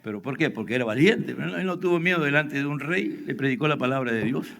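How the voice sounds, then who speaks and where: A man's voice: mid-range voice, expressive, fairly quick, gravelly, a bit bright. A male pastor preaching a sermon to a youth service, often checking in with the congregation through rhetorical questions. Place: church hall. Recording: livestream in a reverberant church hall.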